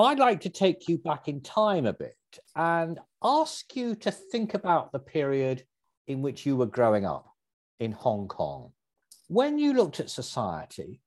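Lively, husky male podcast host. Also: mid-range voice, measured pace. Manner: lively, articulate questioning. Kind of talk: scripted intro and interview questions.

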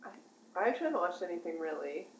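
A woman's voice: lowish voice, sing-song, rapid-fire. A young woman chatting casually as a podcast co-host, her voice muffled and underwater-sounding. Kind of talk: casual chat. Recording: muffled underwater-like audio, echoey, faint noise.

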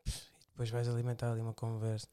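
A man's voice: mid-range voice, monotone, warm tone, clean tone. A man with a European Portuguese accent in casual chat, blunt and peppering his talk with "percebes?". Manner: blunt, talks in quick bursts with "pá" and "percebes?". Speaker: conversation partner.

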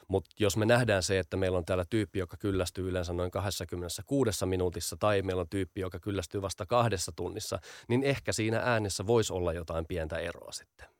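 A man with a very low, gravelly voice explains his field as a podcast guest. He talks in a steady explanatory way and often repeats small fillers as he gathers his thoughts. The sound is close and dry. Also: no echo. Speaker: guest, audio branding expert.

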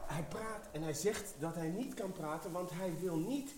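A woman's voice: fairly low pitch, normal speed, noisy background. A woman telling a children's story on a live stage, patient and playful, explaining things simply. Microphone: headset mic.

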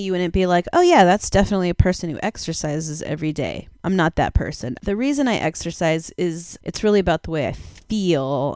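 Woman, forties, podcast host; frank and confessional storyteller, low-ish smooth voice, dry close sound. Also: a little mellow, dry recording. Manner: confessional and frank, casual swearing. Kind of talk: candid personal storytelling.

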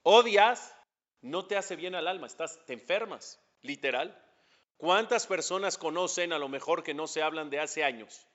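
A man's voice: on the high side, expressive, moderate pace, a bit bright, highs cut off. A man, a rabbi with a Mexican accent, giving a religious lecture, asking the audience questions and building to emphatic peaks. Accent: Mexican Spanish.

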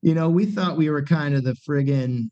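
This nasal, mellow male voice is a little high and moves a little fast. He's a middle-aged punk band frontman guesting on a podcast, speaking candidly in a rambling way, full of fillers and restarts. The casual conversation is captured in dull lo-fi sound.

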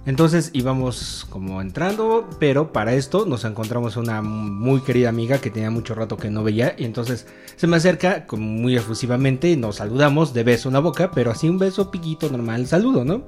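A man's voice: medium pitch, lively intonation, fairly quick, few pauses, darkish tone. A Mexican man co-hosting a podcast, chatting casually. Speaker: podcast co-host. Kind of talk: casual chat. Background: faint music.

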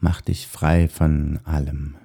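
A man with a soft, husky, breathy voice guides a meditation in a hushed, soothing manner, leaving long pauses. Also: very deep voice, flat delivery. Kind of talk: guided meditation, body scan.

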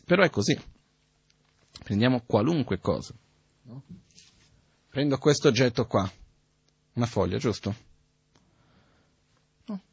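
Husky-voiced man giving a Buddhist teaching. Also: mid-range voice, no echo, lo-fi sound. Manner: conversational, checks in with the audience often. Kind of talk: spoken dharma teaching.

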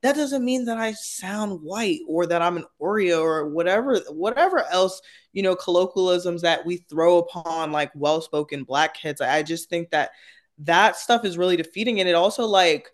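Higher-pitched man, emphatic talker. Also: moderate pace. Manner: emphatic, articulate, frequent "like" and "right?". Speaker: panel guest. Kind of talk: casual, opinionated discussion.

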